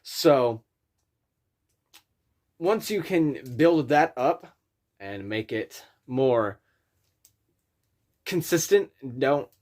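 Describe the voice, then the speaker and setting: Male vocal coach, mid-pitched, informal and halting, talking through technique in a loose tutorial style. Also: expressive, darkish tone. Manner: informal, rambling, halting explanations. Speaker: scream vocal instructor. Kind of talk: casual spoken tutorial with vocal demonstrations.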